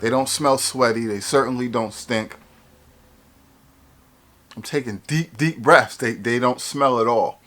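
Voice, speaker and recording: Hyped, chatty male fitness vlogger; casual review talk, mid pitch, drifts on and off the camera mic. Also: unhurried, long pauses, fairly bright tone. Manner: hyped, chatty, lots of restarts and ums. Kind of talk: casual product review vlog.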